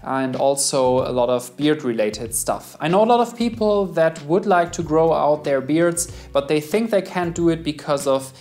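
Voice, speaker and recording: A man's voice: fairly high pitch, moderate pace, hardly any pauses, darkish tone. A man with a German accent, a guest beard expert giving methodical, earnest advice straight to camera. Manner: earnest, methodical, numbered tips.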